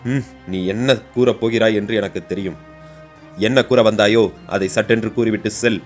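A man's voice: fairly low pitch, fairly even intonation, normal speed, soft background music, lightly acted. A man voicing a curt, angry young woman. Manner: sharp, scolding.

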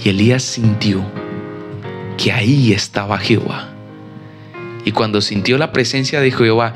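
A man's voice: medium pitch, a bit bright. A man preaching a sermon in an emphatic style, acting out the people he quotes.

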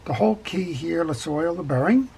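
A middle-aged man calmly talking through a step-by-step reel repair at his workbench, with frequent fillers as he works. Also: a little high, normal speed, gravelly, background noise. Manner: calm, practical, talks while working, frequent fillers. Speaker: fishing reel repair instructor. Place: workshop bench.

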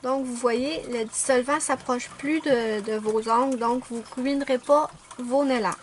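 High-pitched woman chatting through a nail tutorial, a little background hiss. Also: unhurried. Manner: chatty, explains step by step with fillers. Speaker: nail art vlogger. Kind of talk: casual tutorial narration.

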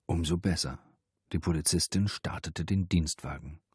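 Male narrator, steady thriller read, husky, low, dry sound. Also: moderate pace, no echo. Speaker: audiobook narrator. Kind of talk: scripted narration.

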